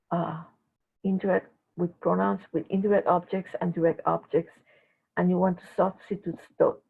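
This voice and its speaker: A woman lectures her language class, her voice deeply gravelly and raspy. She works through the points haltingly, stopping often to fill pauses. The audio is thin and phone-like. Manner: halting explanations with frequent filler pauses. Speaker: language teacher. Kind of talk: recorded lecture.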